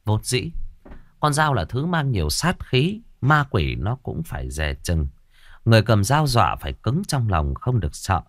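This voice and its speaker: A man narrating a horror story in a dramatic, expressive way. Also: lowish voice, normal speed, no room sound, studio quality.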